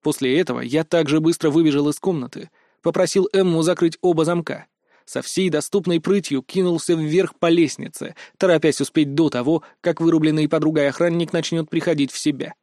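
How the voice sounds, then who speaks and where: A male narrator reads a first-person adventure in a tense, expressive way. His voice sits slightly high. The recording is close and dry. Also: a little fast, no room sound. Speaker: audiobook narrator.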